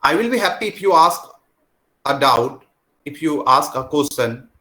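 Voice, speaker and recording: A man with an Indian accent teaching a French class, slowly drilling the words and switching between English and Hindi. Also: on the high side, expressive, bright, forceful tone, rough recording. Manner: slow, repetitive drilling, mixing English and Hindi. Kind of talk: classroom lesson.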